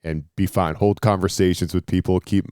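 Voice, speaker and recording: A man's voice: low-pitched, fairly even intonation, brisk, dark tone, clear, resonant tone, dry recording, studio quality. A man co-hosting, chatting casually in a teasing, laid-back way. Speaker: co-host. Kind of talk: casual chat.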